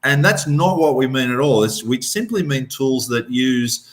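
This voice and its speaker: A man's voice: mid-range voice, lively intonation, moderate pace. A man in his fifties with an Australian accent, giving an informal webinar presentation over a video call.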